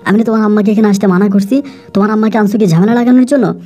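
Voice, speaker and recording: A woman speaking as a sharp, quick-tempered young wife, with a scolding manner. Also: mid-range voice, steady tone, lightly acted. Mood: irritated. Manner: snappish, scolding.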